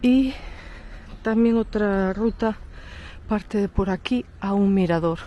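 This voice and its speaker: Congested from a stuffy cold, a woman travel vlogger leads a casual walking tour outside in a village, chatting as she points things out. She speaks slowly in a warm, medium-pitched, nasal voice, with a little hiss or hum in the audio.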